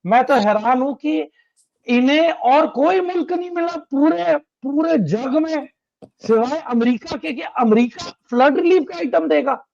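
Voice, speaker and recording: Male co-host, very high pitch, questioning, dull dry call sound. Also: a little slow, vocal fry, darkish tone, no echo. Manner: questioning, addresses others as sir. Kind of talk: political panel discussion.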